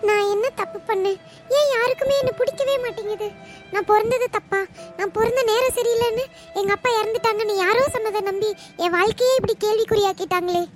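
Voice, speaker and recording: A woman's voice: very high voice, fairly even intonation, brisk, faint music behind. A woman voicing a sad, unloved daughter in a cartoon, pleading and tearful.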